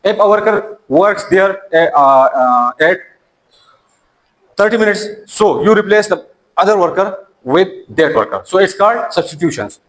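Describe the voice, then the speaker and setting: A man's voice: sits high, animated, unhurried, a bit bright, poor audio. A man, an Urdu speaker, teaching a classroom lecture and often repeating and restarting his words.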